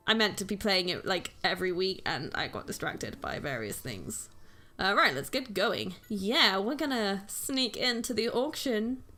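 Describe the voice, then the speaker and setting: Female let's play streamer: joking, casual, bright tone, lively swings in pitch. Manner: playful, joking. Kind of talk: casual let's play commentary with reading aloud.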